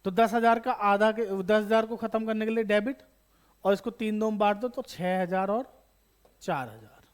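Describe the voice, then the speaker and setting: A male teacher walks students through an exam topic in a fairly high voice. He talks to them directly and fondly, poses a question, then supplies the answer himself, and repeats the key terms so they stick. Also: steady tone, moderate pace, smooth. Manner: calls students beta, bachche, addresses viewers directly. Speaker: accountancy teacher. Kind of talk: online exam-prep lesson.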